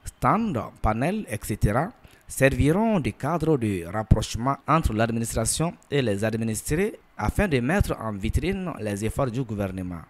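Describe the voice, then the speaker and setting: A man's voice: medium pitch, very animated, unhurried. A man reading a scripted news voice-over in a formal manner. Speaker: news narrator.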